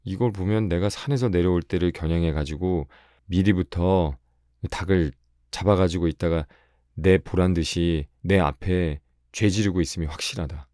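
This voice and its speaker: Male audiobook reader, very low warm voice, calm measured bedtime reading, dry close mic. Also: no echo.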